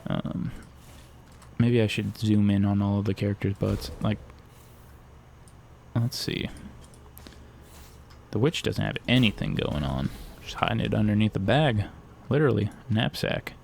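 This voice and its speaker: A man's voice: lowish voice, unhurried, vocal fry, long pauses, darkish tone, a little hiss or hum. A young man giving casual, rambling commentary while playing a video game, cracking crude jokes as he goes. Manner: rambling, joking, crude humor. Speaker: gaming streamer.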